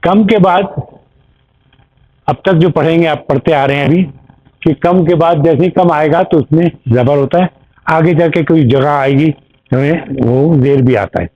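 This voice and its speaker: A man leads a grammar lesson in a fairly high voice, speaking slowly and going over each word more than once. He keeps checking that his students are following him. The sound is thin and tinny, like a phone line. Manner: explains slowly, repeating terms and checking with 'theek hai'. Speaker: Arabic teacher.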